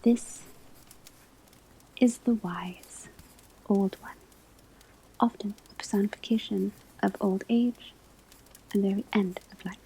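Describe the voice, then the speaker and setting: Playing a calm divination professor at a witch school, a woman ASMR performer gives a soft, breathy whispered lecture, slow, deliberate, and instructive. Her medium-pitched voice is exaggerated, and clear ambience of a classroom, crackling fire, and pages turning fills the background.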